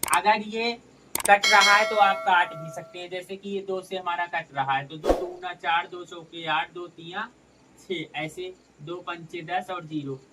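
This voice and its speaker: A man's voice: high-pitched, fairly even intonation, a little slow, distant mic, very noisy. A man teaching a maths lesson step by step, calling his viewers friends as he works through each sum.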